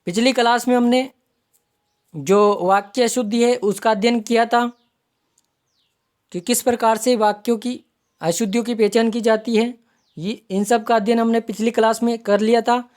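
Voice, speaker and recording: A woman's voice: fairly high pitch, fairly even intonation, moderate pace, pauses often, a little mellow. A woman teaching an online exam-prep grammar lesson, explaining step by step and repeating each term as she points it out. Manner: explanatory, repeats terms while pointing them out.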